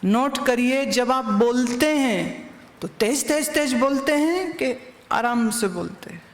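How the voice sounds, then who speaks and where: A woman's voice: fairly high pitch, expressive, slow pace, roomy sound, long reverb tail. A woman spiritual teacher giving a satsang discourse, teaching through anecdotes and rhetorical questions.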